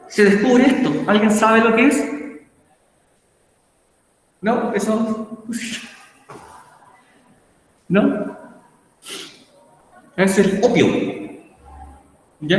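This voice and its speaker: Chilean male teacher, fairly high voice, very roomy long-reverb sound, checks in with the class constantly. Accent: Chilean Spanish. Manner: checks in often with "¿ya?" and "¿cierto?", asks the class questions. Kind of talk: online class lecture. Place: class video call. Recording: very echoey room with long reverb.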